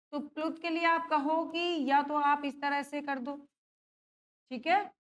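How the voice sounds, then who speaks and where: Woman teacher, high voice, exam-prep lesson; keeps asking the class and answering herself. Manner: checks in with students often, asks and answers own questions.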